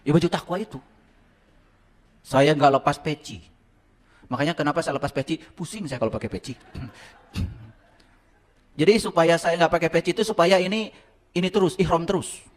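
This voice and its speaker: A middle-aged man preaching to a live audience, telling his own story and swinging between loud exclamations and hushed asides. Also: a little high, moderate pace, pauses often. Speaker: Islamic teacher.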